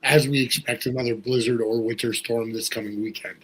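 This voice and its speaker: A man's voice: mid-range voice, steady tone, a little fast, fairly bright tone, breathy edge, poor audio. A man from the US Northeast hosting a casual talk show, his voice not quite at full strength. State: voice slightly off, not fully recovered. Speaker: podcast host.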